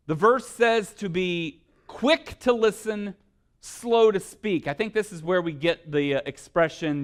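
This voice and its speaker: A male pastor preaching a sermon, animated and playful, acting out little scenes and asking the congregation questions. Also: a little high.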